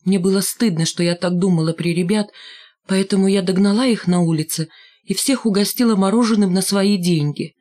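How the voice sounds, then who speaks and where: Woman, audiobook narration, first-person storytelling, expressive, mid pitch. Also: fairly quick. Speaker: audiobook reader. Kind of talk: scripted narration of a novel.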